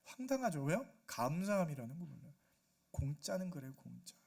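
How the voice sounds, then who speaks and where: A man preaching a Sunday sermon as pastor, animated, acting out quoted voices and asking the congregation questions. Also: on the high side, fairly quick, creaky, husky. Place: church sanctuary.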